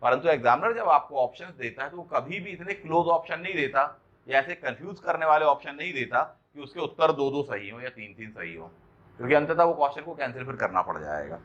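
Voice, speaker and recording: A man teaching an exam-prep lecture, explaining step by step, checking understanding with questions and reading example lines slowly. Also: a little high, animated, a bit bright, muffled recording. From India.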